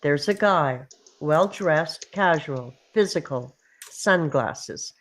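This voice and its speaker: A woman with a low, animated voice reads screenplay stage directions slowly at a table read. Her narration of the action comes in short, clipped, punchy phrases.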